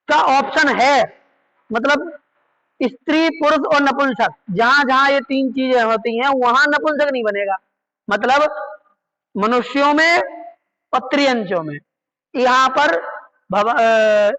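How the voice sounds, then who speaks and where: A man's voice: very high-pitched, bright, forceful tone, highs cut off. A man teaching a class on religious scripture, patiently repeating key terms and checking that his listeners follow. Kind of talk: slow explanatory class on Jain scripture.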